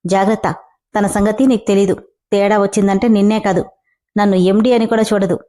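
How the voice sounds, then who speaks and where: A woman's voice: mid-range voice, flat delivery, fairly quick, mellow, natural voice. A woman reading the lines of a playful young man who runs a company and teases his employee. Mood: teasing. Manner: teasing, joking.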